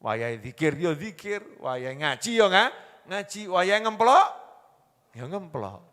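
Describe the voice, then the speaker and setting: Javanese-accented preacher in a reverberant hall. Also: male voice, medium pitch. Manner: storytelling, acts out quoted voices, swings between soft and loud. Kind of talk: sermon.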